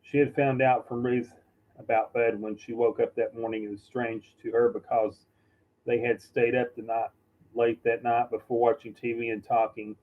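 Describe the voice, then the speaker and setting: A man reading a novel aloud in a halting, unpolished way, often stumbling and correcting himself. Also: medium pitch, little pitch movement, narrow, tinny audio. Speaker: reader. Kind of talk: amateur audiobook reading.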